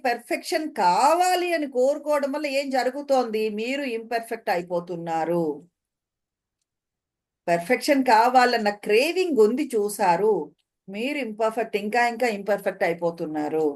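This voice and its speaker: A woman with a Telugu accent giving a spiritual talk, explaining slowly and often asking listeners if they follow. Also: on the high side, animated, darkish tone. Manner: slow, explaining, asks listeners questions. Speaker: translator of spiritual commentary.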